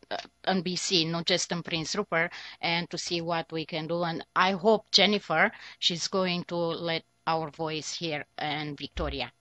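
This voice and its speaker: Hesitant low-voiced woman presenter, lo-fi audio. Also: bright, forceful tone, no echo. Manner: hesitant, with many fillers. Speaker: community presenter. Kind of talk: presentation to city council. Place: council chamber. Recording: dull lo-fi audio.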